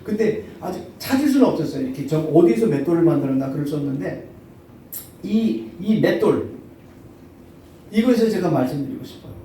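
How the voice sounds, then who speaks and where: Middle-aged pastor with a very mellow voice. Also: male voice, on the high side, very animated, a little hiss or hum. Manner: storytelling, halting with many fillers. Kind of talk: sermon. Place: church sanctuary. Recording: echoey church hall from far off.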